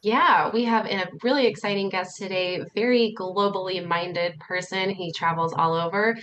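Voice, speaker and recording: A woman's voice: medium pitch, steady tone, moderate pace, a bit bright, highs cut off, slight background noise. A woman hosting a podcast, welcoming a guest and introducing the show in an upbeat manner, with some fillers. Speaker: podcast host.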